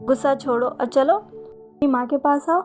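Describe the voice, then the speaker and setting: Lady doing a doting mom, coaxing and soft, high voice, faint music under. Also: moderate pace, close to an everyday voice. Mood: fond. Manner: coaxing, affectionate. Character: fond, teasing mother, gentle and warm.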